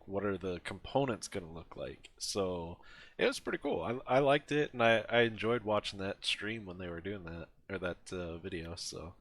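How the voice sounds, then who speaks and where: A man co-hosting a casual gaming podcast, talking in a relaxed, rambling way with many fillers. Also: lowish voice, dry recording. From USA. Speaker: podcast co-host.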